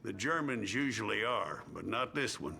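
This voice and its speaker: A man's voice: fairly low pitch, very animated, normal speed, gravelly, pushed and bright, a little hiss or hum, exaggerated voice. An actor playing a folksy, wry lawman who hands out bounties, speaking in a dry drawl.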